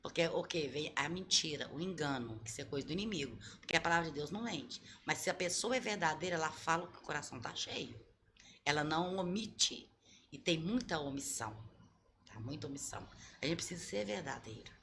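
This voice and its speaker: A woman's voice: low voice, lively intonation, a little fast, fairly bright tone, a little hiss or hum. A woman pastor giving earnest, teaching answers in an interview, often repeating her key points. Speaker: pastor, guest. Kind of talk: sermon-like answers in a podcast interview.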